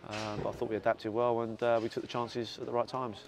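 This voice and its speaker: A man, a football manager giving a post-match interview, talking quickly with lots of repeats and fillers. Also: mid-range voice, level tone. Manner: fast, repetitive, filler-heavy talk. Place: outdoor stadium stands at night. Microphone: lapel mic. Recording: noisy outdoor windy stadium.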